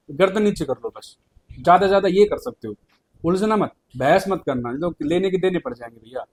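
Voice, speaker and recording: A man speaks straight to his viewers in an advice video, with a voice pitched noticeably high for a man. His talk is informal and blunt. He keeps stopping to check that they are following. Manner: informal, repeatedly checks the listener understands; addresses viewers as brother, blunt colloquial phrasing. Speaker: legal advice video host. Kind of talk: direct-to-camera advice talk.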